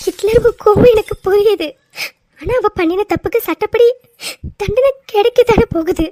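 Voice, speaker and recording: A woman voicing a gentle, forgiving young heroine in a cartoon, soft and tearful as she pleads. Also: very high voice, moderate pace, no echo, studio quality. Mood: soothing. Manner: soft, pleading, tearful, calls him Hitler fondly. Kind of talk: cartoon voice dubbing.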